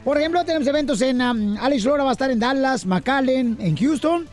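A man's voice: very high voice, animated, fairly quick, a little mellow. A man hosting a comedy radio show, bantering playfully in slang. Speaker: radio host.

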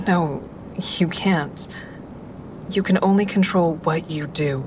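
In an audio drama, a woman with a low voice plays a calm, candid crisis hotline counselor who owns a dog, also narrating her inner monologue in first-person asides. She's measured, firm, and encouraging, consoling without sugarcoating, over a clear rumbling noise.

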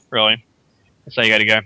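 With a lowish voice and a completely flat delivery, this radio show co-host chats casually, throwing out opinionated guesses and quick character impressions. His tone is sharp and clean, and the recording is dry.

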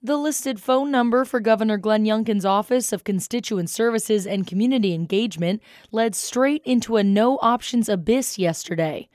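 A woman's voice: mid-range voice, normal speed, few pauses, darkish tone, no room sound, studio quality. A woman anchoring a radio newscast, reading scripted local news items.

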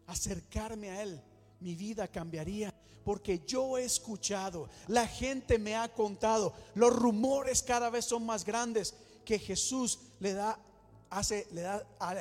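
A preacher voicing a desperate blind beggar. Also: male voice, high voice, takes it slowly. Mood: wistful awe. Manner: hushed wondering, then pleading cries. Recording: church hall reverb with soft music.

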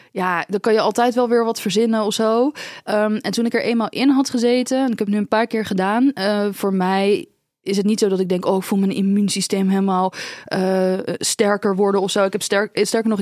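A woman co-hosting a podcast in casual conversation, telling things in an animated way and acting out little quotes. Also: medium pitch, no room sound, studio quality. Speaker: podcast co-host.

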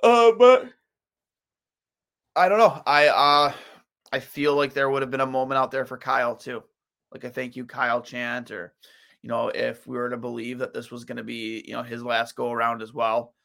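A man's voice: medium pitch, fairly even intonation, moderate pace, gravelly, fairly bright tone. A tired man hosting a solo sports podcast, rambling through his thoughts with lots of fillers and restarts. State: tired, yawning.

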